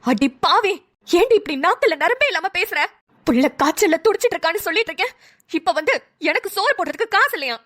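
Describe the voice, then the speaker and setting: A sharp-tongued old village mother from a family cartoon who scolds loudly but dotes on the baby, as a woman voices her. Her voice is very high and bright, and she nags dramatically. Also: lively intonation, fast talker, long pauses. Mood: scolding. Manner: loud, nagging, dramatic. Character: scolding elderly village mother, blunt and caring. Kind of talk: cartoon voice acting.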